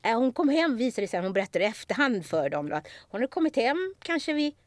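Lively woman telling a story. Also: on the high side, dry recording. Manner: animated, acts out the people in her story. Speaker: podcast host. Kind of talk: casual storytelling chat.

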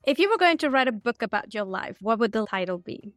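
A woman's voice: fairly high pitch, sing-song, quick pace, a bit bright, dry recording, studio quality, faint music behind. A woman hosting an interview, reading out scripted questions in an upbeat, structured way. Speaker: interview host.

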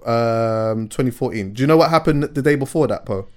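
A man's voice: mid-range voice, brisk, a little mellow. London man chatting as podcast host. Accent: London English. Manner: conversational, often punctuates with "yeah" and "you know". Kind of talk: casual podcast chat.

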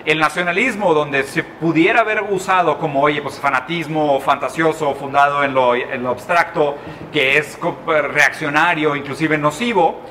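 A man's voice: a little high, moderate pace, hardly any pauses, bright, forceful tone, slight background noise. A man from Brazil in a casual chat, reflective and thinking aloud with many restarts.

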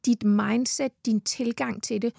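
A woman's voice: a little high, fairly even intonation, vocal fry, dark tone, no room sound, studio quality. A heavily pregnant Danish woman chatting as a podcast guest, enthusiastic, swearing freely and laughing often. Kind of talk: casual chat. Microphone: studio mic.

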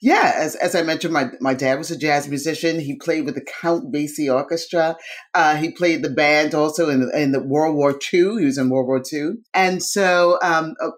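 Effusive woman dancer, chatty guest. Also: low-pitched. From New York. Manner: warm, effusive, with many fillers and repeats. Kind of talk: casual conversation.

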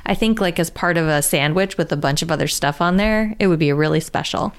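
A woman's voice: deep voice, fairly quick, clear, resonant tone. A woman co-hosting a podcast, chatting casually about food in an upbeat way and laughing easily. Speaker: podcast co-host. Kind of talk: casual food review chat.

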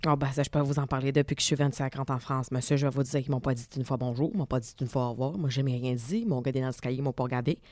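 A man's voice: mid-range voice, fairly even intonation, racing, hardly any pauses, a little mellow, dry recording, close to an everyday voice. Gossipy neighbour lady who won't stop complaining, guy putting it on, dry close sound. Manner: chatty, complaining. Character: chatty gossipy woman neighbour.

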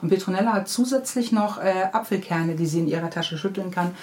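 Her pitch sits fairly low and her tone is a little mellow as she speaks at a fairly quick clip. Being interviewed casually, this middle-aged author of children's books chats warmly and in detail while explaining her stories. Noise in the background can be clearly heard.

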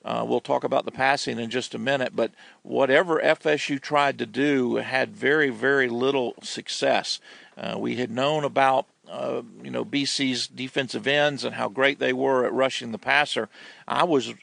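A man's voice: medium pitch, steady tone, normal speed, creaky, a bit bright, dry recording. A man co-hosting a sports talk show, analysing a football team's play with emphatic, repetitive stresses. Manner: emphatic, repeats words when stressing a point.

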